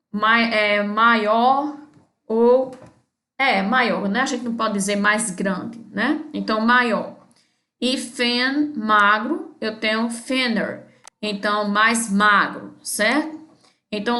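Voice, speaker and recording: A woman's voice: a little high, fairly bright tone. A woman teacher from Brazil explaining a grammar lesson step by step, often checking in with her students. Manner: patient, repeats "certo?" after each step. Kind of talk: recorded English grammar lesson. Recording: echoey room.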